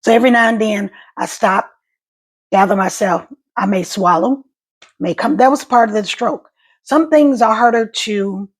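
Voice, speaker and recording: A woman with a gargly, wet-sounding, husky voice, talking casually to her viewers in a vlog with a slight stutter. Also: fairly high pitch. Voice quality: gravelly, husky. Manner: slightly stuttering, halting speech. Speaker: vlogger and stroke survivor.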